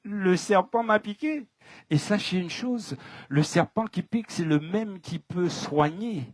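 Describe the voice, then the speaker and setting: A man giving voice to a small, put-upon male snake in a spoken folk tale, loud, plaintive and indignant, with a French Caribbean accent. His voice is pitched a little higher than usual. The recording is close and dry. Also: animated, a little slow, no room sound. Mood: warning.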